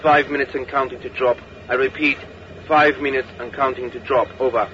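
A man's voice: medium pitch, fairly even intonation, normal speed, a bit bright. An actor playing a male aircraft crewman calling his base over a radio, in clipped procedure talk. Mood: businesslike. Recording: dull lo-fi radio line with faint noise.

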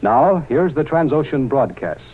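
A man reading a formal wartime radio news bulletin in a measured announcer delivery, with the sound of an old newsreel broadcast. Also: a little high, sing-song, slightly rough. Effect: old newsreel-style radio broadcast sound. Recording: tinny, narrow-band 1940s radio broadcast.

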